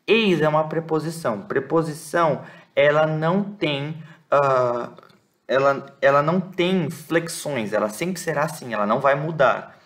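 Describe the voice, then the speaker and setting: A man teaching a lesson. He explains patiently, repeats words slowly and keeps checking that his listeners follow. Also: fairly high pitch, fairly bright tone. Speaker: Bible Greek teacher.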